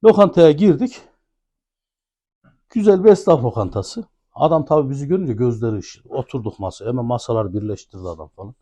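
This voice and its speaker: A man's voice: medium pitch, expressive, brisk, dark tone. A man with an Ankara accent telling a funny anecdote, animatedly acting out the dialogue. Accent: Ankara Turkish. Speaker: storyteller guest.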